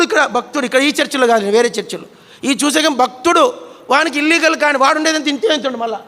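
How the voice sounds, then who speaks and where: A man's voice: very high-pitched, bright, forceful tone. A male pastor preaching to his congregation. He poses questions, answers them himself, and calls on people by name. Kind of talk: sermon. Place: large church hall. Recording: reverberant church hall.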